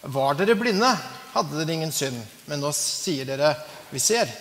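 A man reading the calm, solemn words of a teacher in a scripture passage. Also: fairly high pitch, voice pushed down. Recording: long hall reverb.

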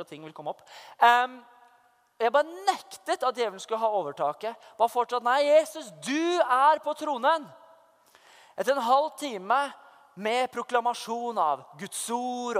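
A young man with a high-pitched voice preaches a personal testimony as a church youth leader. He speaks fervently, dropping to hushed asides and then rising into loud proclamation. The voice carries a long reverb from a large church hall. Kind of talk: sermon testimony.

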